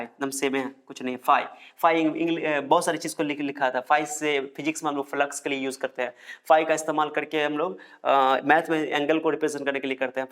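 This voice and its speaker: A man's voice: fairly high pitch, fairly bright tone. A male teacher from India giving a chatty classroom lecture, repeating terms and joking as he writes on the board.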